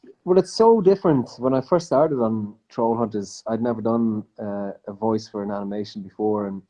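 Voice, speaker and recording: A man's voice: fairly low pitch, normal speed, mellow, low-quality recording. A man answering interview questions as a voice actor guest, modest and easygoing, heard over a video call.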